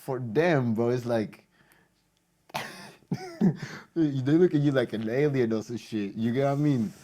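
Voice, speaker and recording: A man's voice: medium pitch, expressive, takes it slowly, mellow. A young man from Portugal, a podcast guest, telling stories in a laid-back, slangy way and saying "bro" a lot. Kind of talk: casual podcast conversation.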